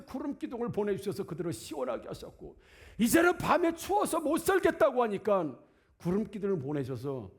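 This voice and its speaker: A man preaching a sermon in a church, speaking conversationally and firing rhetorical questions at the congregation. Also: extremely high pitch. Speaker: pastor. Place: church sanctuary.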